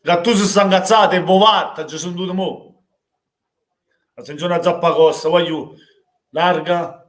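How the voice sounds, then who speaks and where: Brief: young Neapolitan man, live match streamer, slightly high voice, volatile and emotional. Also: moderate pace. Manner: emotional, swings from calm chat to shouting. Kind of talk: live reaction to a football match, reading chat.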